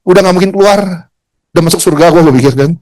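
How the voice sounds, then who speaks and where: A man's voice: sits high, quick pace. A man giving a talk to an audience, telling a personal story in casual slang and acting out the other people in it. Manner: colloquial Jakarta slang, animated, mimics voices. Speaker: motivational speaker.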